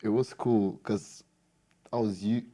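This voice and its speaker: A man's voice: lowish voice, fairly even intonation, slow pace, mellow. A young man from Portugal, a podcast guest, telling stories in a laid-back, slangy way and saying "bro" a lot. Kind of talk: casual podcast conversation.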